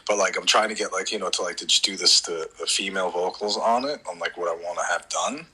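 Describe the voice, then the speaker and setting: A man's voice: deep voice, fast, sharp tone, breathy edge, rough recording. A man, a guitarist, talking in a loose, rambling way in a casual group voice chat, full of "like" fillers. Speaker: musician guest.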